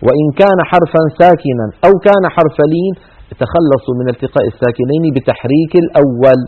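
Male teacher, quick delivery, slightly high voice, thin phone-like sound. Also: slightly rough. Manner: explains slowly, reads examples aloud with emphasis, repeats points. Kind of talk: Quranic Arabic grammar lesson. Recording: tinny phone-like broadcast sound.

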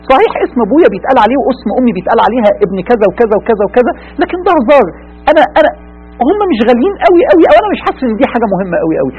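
A man with an Egyptian Arabic accent giving an impassioned religious talk-show sermon, swinging from loud appeals to hushed earnest tones. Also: high-pitched, husky, dull audio. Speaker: preacher.

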